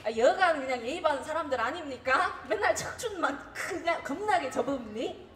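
A young woman from Gwangju with a Jeolla dialect, giving a lively, chatty comic speech at a dialect contest. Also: sits high, normal speed, slight background noise. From Gwangju, Korea. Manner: lively, chatty, acts out quotes. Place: large echoey hall. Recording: echoey hall recording.

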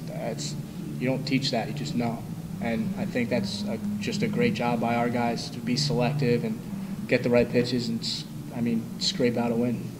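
Young male player, monotone, easygoing, table mic, heavy background noise. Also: mid-range voice. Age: young adult. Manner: humble, easygoing, laughing. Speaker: college baseball player. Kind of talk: postgame press conference. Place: press conference room. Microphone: table microphone.

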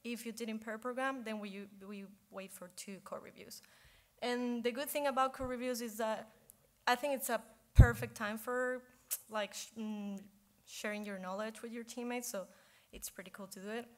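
A woman's voice: on the high side, steady tone, normal speed. A woman in her thirties giving an informal lightning talk on stage, conversational and casual. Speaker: software engineer, conference speaker. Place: conference stage in a hall.

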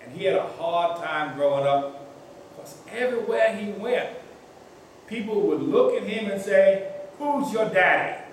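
A chatty gray-haired Tennessee man, as a pastor puts him on leans into his Southern drawl with a raised, lively voice. He spins a folksy story slowly. It echoes through a big church from a distance. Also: sits high, a little hiss or hum, voice pushed up.

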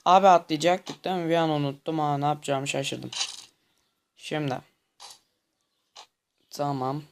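A man's voice: on the high side, little pitch movement, measured pace, a little hiss or hum. A young man commenting on a game he is playing, muttering to himself, tense and easily frustrated. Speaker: gameplay commentator. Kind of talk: gameplay commentary.

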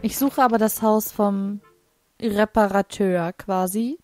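A woman's voice: medium pitch, takes it slowly, a little mellow, faint music behind. A woman casually commenting on her own gameplay. She thinks aloud, laughs a lot and makes wry, teasing remarks. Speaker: let's play host.

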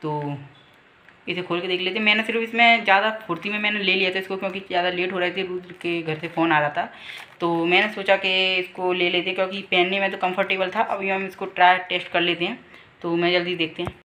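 A man's voice: sits high, fairly even intonation, fast talker, bright, forceful tone, a little hiss or hum. A teenage boy with a Hindi accent chatting casually in a vlog, filming on a phone at arm's length, often calling out to "guys". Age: teens. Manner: chatty, keeps saying "guys". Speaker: vlogger. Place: home room and outdoors on a motorbike. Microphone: phone camera held at arm's length.

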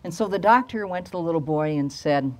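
An older woman preaches at an outdoor lectern, holding a microphone close. She tells simple stories in a plain conversational way. She slows deliberately on the phrases she wants to land. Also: fairly low pitch, lively intonation, darkish tone. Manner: storytelling sermon with slowed emphatic phrases. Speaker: pastor. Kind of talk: sermon. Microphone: handheld microphone.

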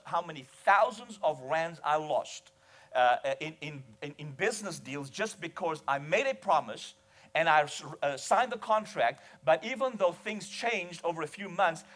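A man's voice: fairly high pitch, fairly bright tone. A man preaching a sermon to a congregation, emphatic and calling for responses. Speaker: pastor. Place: church hall with a congregation.

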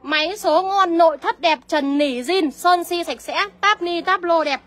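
A young woman, selling used cars on a livestream in a brisk sales patter and answering viewer comments. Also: very high voice, a bit bright. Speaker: used car seller.

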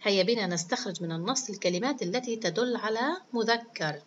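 A woman's voice: mid-range voice, brisk, muffled recording, slight background noise. A woman teaching a children's reading lesson, praising them often and stretching words out syllable by syllable. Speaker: primary school teacher.

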